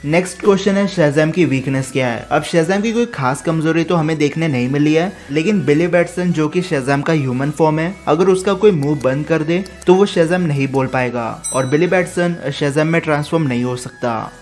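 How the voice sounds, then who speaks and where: Brisk male explainer host, a touch high-pitched, scripted Q&A delivery over soft background music.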